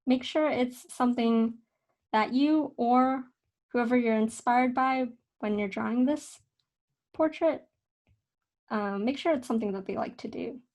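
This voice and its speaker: Chatty young woman teaching drawing, fairly high voice. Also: a little slow, dull audio. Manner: relaxed, chatty, with many fillers and self-corrections. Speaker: art instructor. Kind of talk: casual drawing tutorial.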